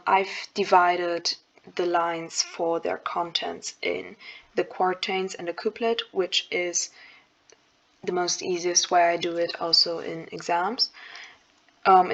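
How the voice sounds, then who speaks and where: Young woman explaining poetry, flat low voice. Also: dull audio. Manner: thinking aloud, with frequent fillers and self-corrections. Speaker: student explaining a poem. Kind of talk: casual explanatory lesson over slides.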